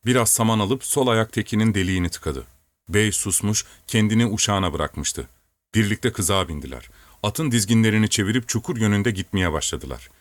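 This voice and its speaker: A man calmly reading a story aloud in measured, steady audiobook narration. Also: lowish voice, dry recording.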